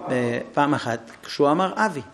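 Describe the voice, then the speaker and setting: A man with a slightly high voice gives an informal talk on parenting to a group, with a crowd audible behind him. He tells stories in an animated way and acts out conversations between parent and child.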